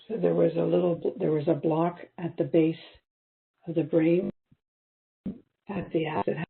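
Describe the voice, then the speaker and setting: A woman spiritual healer giving a slow, meditative guided reading over an online call whose audio keeps cutting in and out. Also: low-pitched, fairly even intonation, creaky, breathy edge. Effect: online call audio cutting in and out, dropping quality. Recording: tinny phone-like online call line.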